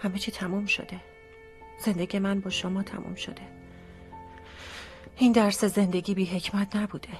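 A heartbroken, devout young woman, voiced by an actress, quiet and earnest yet set in her choice. Her voice sits at an ordinary pitch, with faint music behind in this radio drama. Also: little pitch movement, pauses often, close to an everyday voice. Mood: resolute. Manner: soft, earnest and resolute.

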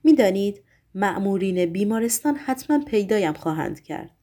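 Woman playing a tired gentle man, unsure, resigned, storybook reading. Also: sits high, lively intonation. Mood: weary. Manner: hesitant, resigned. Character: weary bewildered male writer, gentle.

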